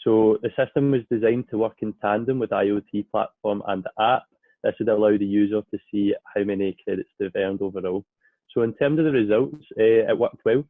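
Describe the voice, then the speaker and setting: A man's voice: fairly low pitch, fairly even intonation, fairly quick, no room sound. Scottish student guy walking through a tech project step by step, tinny dry audio. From Scotland. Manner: methodical, explaining step by step. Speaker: student presenter. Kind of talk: project presentation.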